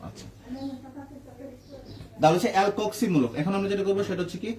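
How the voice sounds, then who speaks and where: In a classroom chemistry lecture, a man with a high, darkish voice talks quickly, posing questions and then supplying the answers himself. He keeps checking in with "ঠিক আছে?".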